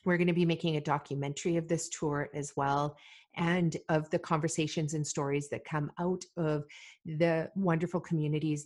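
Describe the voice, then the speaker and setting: A woman from Malawi hosting a solo podcast, talking in an earnest, deliberate way with fillers and repeated phrases. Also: sits low, a little mellow. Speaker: podcast host.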